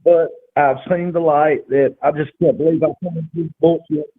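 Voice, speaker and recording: A fairly high-pitched middle-aged man speaks on a call-in line. His headset audio is muffled and sounds like a tunnel. The line is thin and tinny, and he answers in a polite, plain way. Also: steady tone, normal speed, slightly rough. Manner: polite, plainspoken, says ma'am. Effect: muffled caller audio that sounds like a tunnel, from a headset mic. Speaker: caller. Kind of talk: call-in debate.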